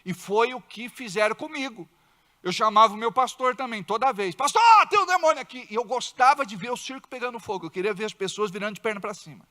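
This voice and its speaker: In a church, a pastor with a Brazilian Portuguese accent delivers a sermon in a high, fast voice. He acts out quoted voices, breaking into sudden loud outbursts.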